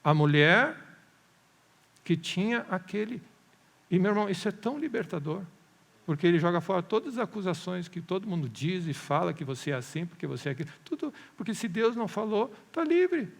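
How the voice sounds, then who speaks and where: Gravelly, lively preacher in a reverberant church. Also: male voice, sits high, brisk. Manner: animated preaching, rhetorical questions, mimics doubters. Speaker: pastor. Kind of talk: sermon. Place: church service. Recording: long reverb of a church hall.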